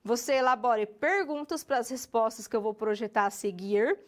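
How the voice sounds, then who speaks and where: A woman gives a recorded English lesson in a high voice. She speaks straight to the student, checks understanding with quick tags, and stretches out the English example questions slowly when she models them. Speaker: English teacher.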